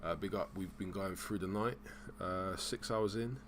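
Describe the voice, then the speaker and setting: A man hosting a casual live stream, rambling and hesitant, giving shout-outs in slang. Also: low voice, normal speed, a little hiss or hum. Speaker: livestream host.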